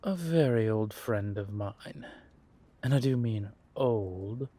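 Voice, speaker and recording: Playing a centuries-old vampire spymaster in a roleplay audio drama, a man speaks patiently and wryly in measured phrases with deliberate pauses. His voice is lowish and his mood assured.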